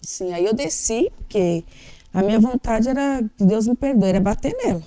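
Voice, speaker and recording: A woman's voice: fairly high pitch, expressive, normal speed, warm tone, no echo. A Brazilian Portuguese-speaking woman giving an emotional, candid personal testimony in an interview, acting out the dialogue she quotes.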